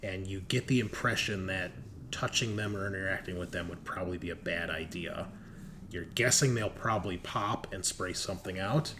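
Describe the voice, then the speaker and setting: Running a tabletop roleplaying session as game master, a man with a lowish voice describes things conversationally at a moderate pace, swearing casually. Faint noise sits behind him.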